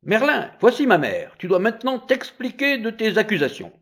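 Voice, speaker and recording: An angry, proud judge, as a man reads him in a storybook, loud and threatening. His voice climbs high when he shouts. The pitch moves a lot. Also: sing-song, measured pace, husky, exaggerated voice. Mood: stern.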